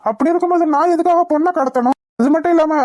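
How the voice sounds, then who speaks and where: A woman's voice: very high-pitched, racing, darkish tone, no room sound. Woman voicing an anxious cartoon young man. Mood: pleading. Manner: pleading, defensive, anxious. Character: young man hiding from his wedding, worried and defensive. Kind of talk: Tamil cartoon voice acting.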